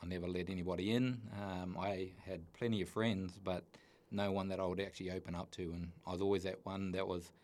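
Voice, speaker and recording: A man in his thirties with a New Zealand accent, telling his personal story as a guest in an earnest, halting way with many restarts. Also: sits low, little pitch movement, a little mellow.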